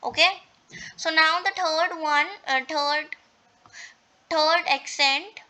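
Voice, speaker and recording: A woman with a high, bright voice walks learners through a French lesson. She explains slowly, repeating words and filling pauses as she goes. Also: fairly even intonation. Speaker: French teacher. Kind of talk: online language lesson.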